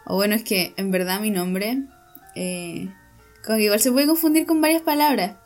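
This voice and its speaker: A woman's voice: medium pitch, normal speed, darkish tone, faint music behind. A young woman with a Chilean Spanish accent, chatting in a hesitant way that trails off. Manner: hesitant, trailing off, many fillers. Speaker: podcast co-host. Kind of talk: casual chat.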